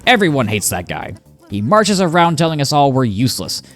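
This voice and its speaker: A man's voice: medium pitch, sing-song, fairly quick, fairly bright tone, soft background music. A man voicing a put-upon male robot clerk who whines and grumbles about his boss, reading game dialogue aloud. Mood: grumbling. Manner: whiny, complaining.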